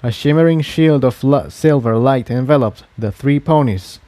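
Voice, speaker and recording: A man, a fan fiction reader and narrator, reads an adventure story aloud as scripted dramatic narration. His voice is medium-pitched and warm, at normal speed, with no echo.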